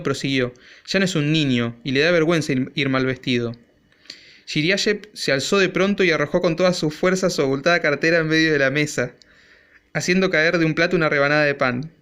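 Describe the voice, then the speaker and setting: Casting: male audiobook narrator, a bit higher voice, dramatic storytelling. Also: a bit bright. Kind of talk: audiobook reading.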